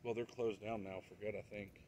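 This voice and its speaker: A man's voice: on the low side, fairly even intonation, fairly quick, dull audio. A man chatting casually and bluntly outdoors. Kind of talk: casual chat. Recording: loud outdoor traffic noise.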